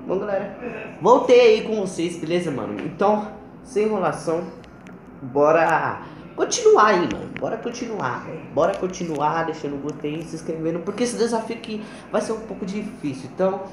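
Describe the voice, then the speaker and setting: A man's voice: sits high, very animated, fairly quick. A teenage boy with a Brazilian accent chats casually and slangily to the camera as he hosts a challenge video, often repeating himself. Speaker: video blogger hosting a challenge. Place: small tiled home kitchen, indoors. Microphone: phone camera at about arm's length. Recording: echoey tiled kitchen, clearly noisy phone audio.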